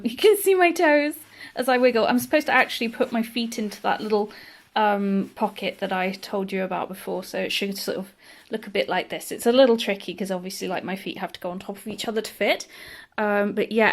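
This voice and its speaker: A young woman chatting casually in a vlog, bubbly and excitable, with lots of "um" and "like". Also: medium pitch, fairly quick. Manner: bubbly and excitable, many "um" and "like" fillers. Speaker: cosplay vlogger.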